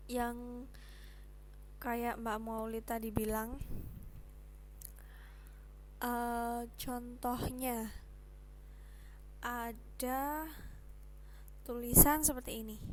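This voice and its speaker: A young woman teaching English pronunciation in a casual online lesson, explaining slowly and patiently with chatty asides. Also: on the high side, warm tone, a little hiss or hum.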